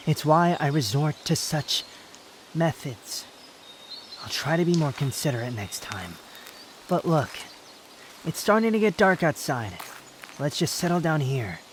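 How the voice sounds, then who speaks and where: A man playing a prideful, sharp-tongued puppet wanderer with a secret fondness, speaking to the listener in a roleplay audio drama, haughty and unhurried. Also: a little high, a little hiss or hum. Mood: sullen, apologetic, then gentler, calm.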